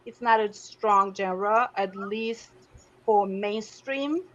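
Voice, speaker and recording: A woman in her twenties from Argentina, a guest artist talking casually in an interview, animated and searching for words. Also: mid-range voice, takes it slowly. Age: 20s. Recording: slightly dull lo-fi audio.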